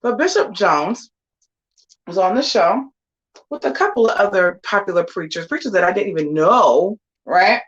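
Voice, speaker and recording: In a get-ready-with-me video, a woman in her 40s talks to her audience with an animated, medium-pitched voice at a moderate pace. She's sassy and full of slang-laden side comments, and the sound is lo-fi.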